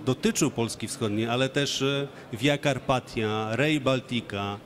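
A man's voice: mid-range voice, measured pace. A man speaking formally and measuredly on a conference panel, with frequent hesitations, into a handheld mic. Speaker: minister on panel. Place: large conference stage.

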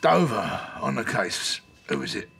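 An actor playing a fat, selfish, sarcastic older police chief inspector in a radio comedy drama. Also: male voice, lowish voice, sing-song, measured pace, fairly bright tone, slight background noise, heavily acted. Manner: gruff, sarcastic, grumbling.

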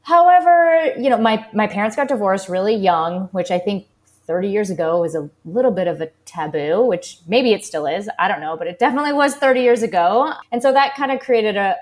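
A woman in her thirties from the Boston area in the United States, a former gymnast, talks about her life as an interview guest. Her medium-pitched voice is animated and a little fast, and her casual talk is upbeat and chatty with many fillers.

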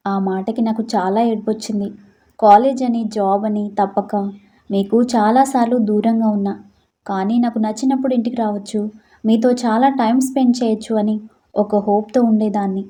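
Brief: a sad, pleading young woman, as a woman storyteller plays her, dark soft tone. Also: mid-range voice, steady tone, normal speed, close to an everyday voice. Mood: tearful. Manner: pleading, tearful. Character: tearful young bride-to-be daughter.

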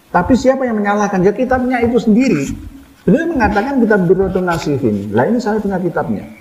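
A man's voice: mid-range voice, darkish tone. A middle-aged man with a Javanese accent giving a critical religious lecture to camera, repeating his points with rhetorical questions. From Java. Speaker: Islamic preacher. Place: indoor room with wooden doors. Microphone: camera in front, seated. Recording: echoey room, dull sound.

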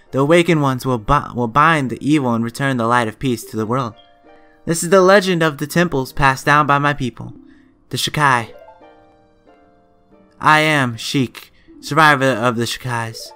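A man reading game dialogue aloud as a mysterious young male warrior. He keeps his own mid-pitched voice but makes it a little lighter and softer, and delivers the lines in a calm, solemn way. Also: normal speed, smooth, soft background music, close to an everyday voice.

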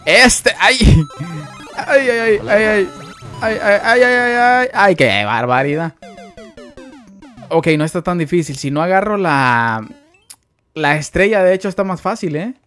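A young man with a Mexican Spanish accent giving chatty live gameplay commentary, greeting viewers and letting out excitable exclamations. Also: sits high, unhurried, pauses often, faint music behind. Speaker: streamer.

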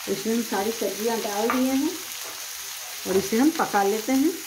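A woman with a voice on the high side hosts a home cooking channel, explaining each step plainly in her kitchen at normal speed. The voice-over is very noisy.

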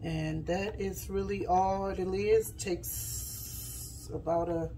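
A woman's voice: mid-range voice, steady tone, slow pace, dark tone, slight background noise. A woman hosting a home cooking demonstration in her kitchen, chatting casually and stopping now and then to tidy up and explain as she works. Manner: chatty, stops to tidy and explain mid-task. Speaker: home cooking channel host. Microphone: camera on the counter, speaker mostly off frame.

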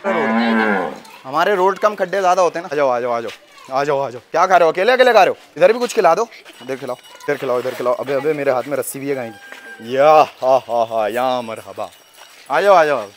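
A young man from Pakistan filming a joking vlog outdoors, excitable and often shouting at the kids around him. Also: fairly high pitch. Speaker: vlogger. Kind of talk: casual vlog commentary. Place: outdoors on a busy street.

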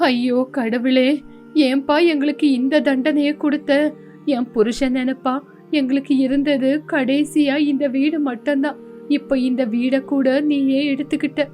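A woman voicing an older, fretful mother-in-law in an animated story, sharp and scolding. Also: high-pitched, measured pace, soft background music. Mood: lamenting.

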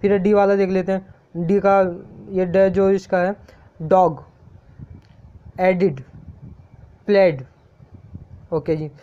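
A man teaching a lesson, explaining step by step and patiently repeating each example word slowly. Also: sits high, flat delivery, warm tone, clean tone. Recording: dull lo-fi recording.

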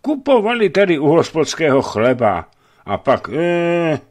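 A man's voice: on the high side, very animated, pitched above the performer's own voice. A man voicing a simple, timid male servant who halts and stammers with "eh" between words. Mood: hesitant. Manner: halting, full of "eh" fillers.

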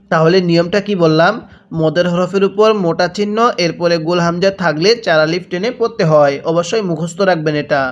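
A man teaching Quran reading, spelling out letters and drawing out syllables slowly, and repeatedly prompting the learner to read along. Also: sits high. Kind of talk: spelled-out recitation lesson.

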